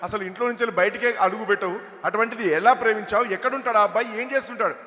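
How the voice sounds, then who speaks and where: A man's voice: sits high, very fast, sharp tone. A man voicing a middle-aged father, exasperated and lamenting. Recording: long hall reverb over PA.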